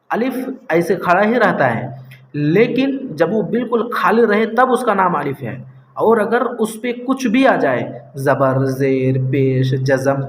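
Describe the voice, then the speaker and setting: A man teaching Quran reading, sounding out syllables slowly and patiently repeating the rules. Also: on the high side. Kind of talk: slow step-by-step lesson. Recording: echoey room with faint hiss.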